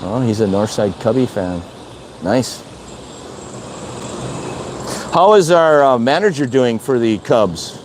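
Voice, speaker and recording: Speaking unhurriedly from a city balcony outdoors, this older man from Wisconsin answers viewer comments on a live stream in a loose, repetitive, rambling way. His mid-range voice is expressive, with slight noise behind it.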